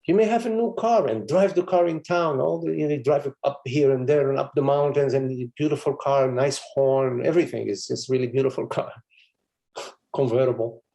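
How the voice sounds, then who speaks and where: Guy teaching a live satsang, warm dark voice, rambly, chuckles a lot. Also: medium pitch, normal speed, vocal fry. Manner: meandering, conversational, with frequent chuckles and asides. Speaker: spiritual teacher. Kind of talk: meditative live satsang talk.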